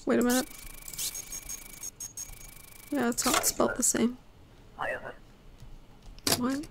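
High, creaky-voiced woman gaming. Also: flat delivery, slow pace, heavy background noise. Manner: chatty, apologetic, thinking aloud with giggles. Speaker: gamer. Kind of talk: casual gameplay commentary. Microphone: desktop USB microphone.

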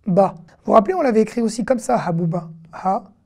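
A woman teaching an online reading lesson, patiently repeating syllables slowly with casual fillers. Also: medium pitch, animated, a little mellow. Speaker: Hebrew teacher.

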